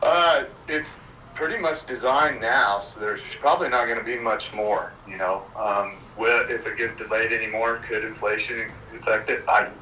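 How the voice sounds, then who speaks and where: A man answering questions over a speakerphone call, talking in a hesitant, halting way with many fillers and restarts. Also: medium pitch, steady tone, sharp tone, slight background noise. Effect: heard over a speakerphone call. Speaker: project engineer consulted by phone. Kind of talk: answering questions at a county meeting. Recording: distant echoey speakerphone in meeting room.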